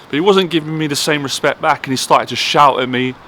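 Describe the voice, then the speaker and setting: A man tells a story from his own life in a loose, chatty monologue, often tossing in "right?". His voice sits a little high and sounds bright and forward. A faint hum of traffic comes from outdoors. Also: fast talker. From Ireland. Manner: chatty, keeps asking "right?". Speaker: vlogger sharing a personal story.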